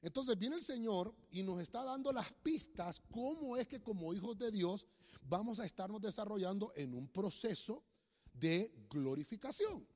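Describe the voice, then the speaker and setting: A male pastor preaching a sermon in a church, with sudden loud emphasis and slow, drawn-out phrases. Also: high-pitched, animated. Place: church, streamed online. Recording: echoey church hall.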